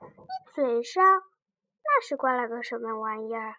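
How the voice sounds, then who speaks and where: A woman's voice: fairly high pitch, huge pitch swings, measured pace, pushed and bright, no room sound, dull audio, full character voice. A woman voicing a grown-up female carp in a children's story, curious and kindly.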